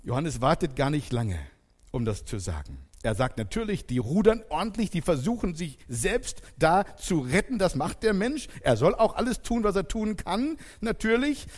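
A man delivering a sermon in a fairly high, very lively voice that rises and falls widely. He speaks directly to his listeners and leans on dramatic pauses, moving from hushed passages to loud, building peaks. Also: in a large hall. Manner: addresses congregation directly, dramatic pauses and swings from soft to loud. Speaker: preacher.

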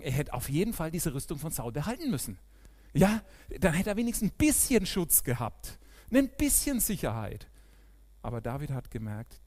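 Preaching a sermon in church, a man with a medium-pitched voice is animated, swinging between loud, emphatic peaks and quiet asides that are almost whispered.

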